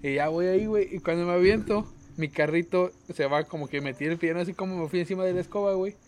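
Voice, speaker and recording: A young Mexican man co-hosts a loose chat, racing through his anecdotes at a quick clip. His voice sits a bit high, and he breaks into laughs at his own stories. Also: darkish tone, slight background noise. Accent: Mexican Spanish. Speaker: podcast co-host. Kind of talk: casual chat, storytelling.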